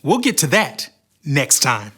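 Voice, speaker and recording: A man narrating a Bible story for children in a clear, storytelling delivery. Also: on the high side, very animated, a little slow, sharp tone.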